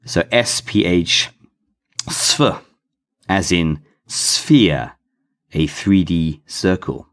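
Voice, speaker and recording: A man with a low voice gives a slow, deliberate English phonics lesson. He spells out letters and sounds out blends, carefully stressing each keyword.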